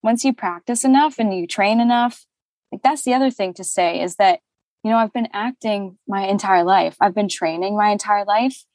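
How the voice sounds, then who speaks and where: Young woman voice actor, chatty and animated, mid-pitched, dry close sound; casual interview guest. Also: moderate pace, dry recording. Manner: chatty, animated, laughs often, many fillers.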